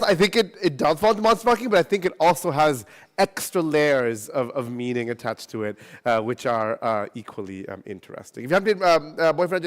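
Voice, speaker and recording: A man speaking at a convention panel, answering audience questions in an animated, casual way and often adding tag questions. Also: on the high side. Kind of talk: casual Q&A talk. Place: convention hall.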